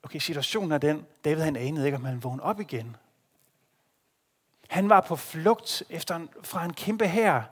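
A male preacher delivering a sermon with dramatic contrasts, dropping to near-whispers and rising to emphatic peaks. His voice sits a little high for a man. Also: slightly rough. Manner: dramatic, swinging between hushed and loud.

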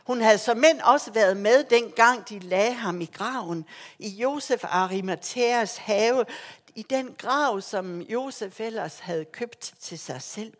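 A woman preaching a sermon, telling the story with feeling and acting out the lines of the people in it. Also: on the high side. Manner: animated storytelling, acting out quoted voices.

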